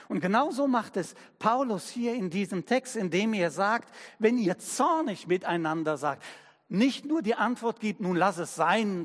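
A man preaching a sermon as pastor, slow and emphatic, using everyday examples. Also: high-pitched, in a large hall.

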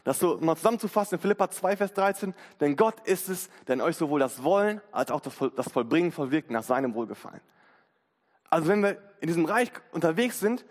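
A man's voice: fairly high pitch, animated, fast talker. A man in his twenties preaching a sermon in a casual, slangy way, acting out inner voices, recorded in a church hall. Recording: long hall reverb.

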